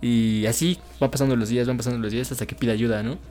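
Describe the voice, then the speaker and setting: A man's voice: medium pitch, steady tone, fast talker, darkish tone, soft background music. A young man with a Mexican accent, co-hosting a podcast in casual chat, rambling with fillers and laughing often. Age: young adult. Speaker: podcast co-host.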